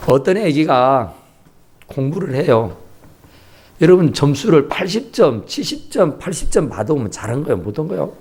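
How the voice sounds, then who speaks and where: A man's voice: on the high side, normal speed, husky. A man preaching a sermon, telling stories animatedly and acting out voices. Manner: animated storytelling with acted-out voices. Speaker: pastor. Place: church sanctuary.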